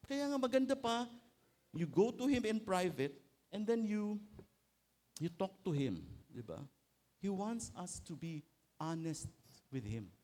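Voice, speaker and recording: A middle-aged man with a Filipino accent preaching a sermon in a lively, joking way, often tagging lines with quick questions to the congregation. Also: high-pitched. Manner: lively, joking, mixes in English with rhetorical tags. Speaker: pastor.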